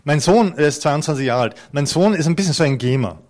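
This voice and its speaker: A man's voice: fairly high pitch, animated, fast, darkish tone. A man in his fifties preaching an earnest, conversational sermon to a congregation, with touches of light humor. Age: 50s. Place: church hall before a congregation.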